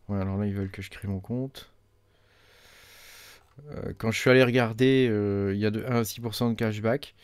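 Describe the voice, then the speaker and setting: A man with a low, smooth and resonant voice talks through cards on his screen in a casual, halting manner, stopping often on fillers and restarting his sentences. He sounds close and dry, with no room around him. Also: a little mellow, no room sound. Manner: hesitant, many fillers and restarts. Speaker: crypto video host. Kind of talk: casual screen-share review.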